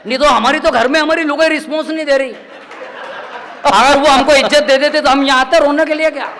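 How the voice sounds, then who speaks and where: A man's voice: very high-pitched, steady tone, a little fast, pushed and bright, a faint crowd, a little hiss or hum. A man, performing chatty, self-mocking stories at a live poetry gathering, acting out the voices of the people in them. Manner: chatty storytelling, acts out quoted voices, laughs often. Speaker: stand-up comedic poet. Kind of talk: humorous poetry-stage banter. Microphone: stage microphone.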